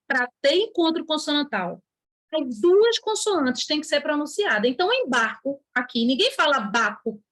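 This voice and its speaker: High-voiced woman teaching a lesson. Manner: explains slowly, stretching key words, asks students' questions in a put-on voice; writes on a board while talking. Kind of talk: online grammar lesson.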